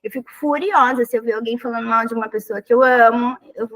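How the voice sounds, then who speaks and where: A woman with a thin, high voice, talking casually and expressively as a podcast guest and acting out little quoted exchanges. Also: fairly even intonation, quick pace, fairly bright tone, low-quality recording. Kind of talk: casual conversational advice.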